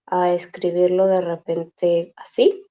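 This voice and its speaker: Slow, patient woman teaching a class. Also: lowish voice, monotone, dark tone, muffled recording, a little hiss or hum. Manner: patient, explains step by step, asks "¿sí?" often. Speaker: Korean language teacher.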